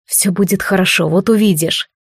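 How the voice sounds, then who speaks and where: A woman's voice: mid-range voice, moderate pace, breathy edge, no echo, studio quality. A woman reading an audiobook, voicing a proud, resolute young male warrior leader in a firm, declarative way.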